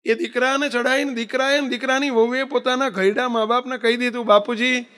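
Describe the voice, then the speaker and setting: High-voiced preacher telling a parable. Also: male voice, fairly even intonation, fairly quick, pushed and bright, clean tone. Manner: folksy storytelling, acting out the old father and grandson. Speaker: swami preacher. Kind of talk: sermon with a told parable.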